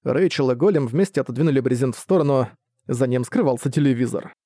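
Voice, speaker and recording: A man narrating a first-person novel as an audiobook reader, steady and even. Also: medium pitch, fast talker, dry recording, clean studio sound.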